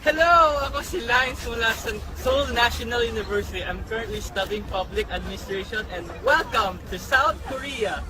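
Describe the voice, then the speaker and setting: A young man, loudly and excitedly introducing himself as a graduate student. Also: very high-pitched, fairly quick, hardly any pauses. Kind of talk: video self-introduction. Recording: music and crowd behind.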